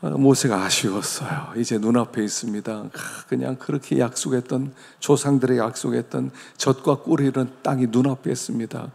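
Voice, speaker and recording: A man's voice: medium pitch, steady tone, a little fast, gravelly, few pauses, darkish tone, in a large hall. A man preaching a sermon as pastor, talking conversationally and asking his listeners rhetorical questions. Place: church sanctuary.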